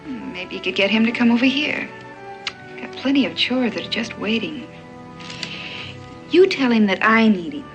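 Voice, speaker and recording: A woman playing a brisk, fussing frontier mother in a western drama. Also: on the high side, lively intonation, highs cut off, music in the background, lightly acted. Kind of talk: period western screen acting.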